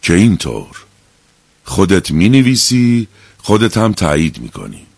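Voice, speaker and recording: A man's voice: sits low, sing-song, creaky, no echo, heavily acted. A man voicing a strict, angry male school principal who barks orders at his class. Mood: stern scolding. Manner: barking, scolding orders.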